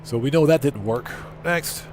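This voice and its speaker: This livestream host has a mid-range, somewhat dark voice and speaks at an ordinary pace over faint background music. He runs the channel and gives loose, informal commentary as he plays, thinking aloud and reading chat messages and on-screen text.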